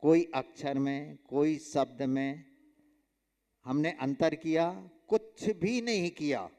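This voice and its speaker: A monk teaches his class at a very slow, deliberate pace, stressing each example and asking his students questions. His voice is smooth and resonant and sits a little high for a man. A long reverb from the hall trails after every phrase. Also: mellow. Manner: slow, emphatic, drills pronunciation with repeated examples and questions to students. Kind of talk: explanatory religious lesson.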